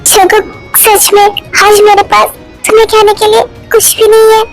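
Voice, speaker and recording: A high-voiced performer dubbing a betrayed young wife in a melodrama, stammering and repeating words as she speaks through her hurt. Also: completely flat delivery, a little slow, loud music behind the voice. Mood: angry, hurt. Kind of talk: fan dub of a melodrama.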